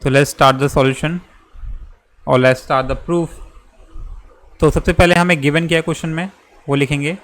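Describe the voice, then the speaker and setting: Young male tutor, patient step-by-step explainer, slightly raised pitch. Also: fairly even intonation, a little slow, long pauses, fairly bright tone. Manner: patient, repeats and checks with "theek hai". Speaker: maths teacher. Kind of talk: explaining a geometry proof step by step.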